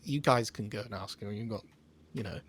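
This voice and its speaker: A man's voice: fairly low pitch, a little fast, a crowd in the background. Man explaining the setup to the group, chill and rambly. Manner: casual, rambling instructions. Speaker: event organizer. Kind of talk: briefing players out of character.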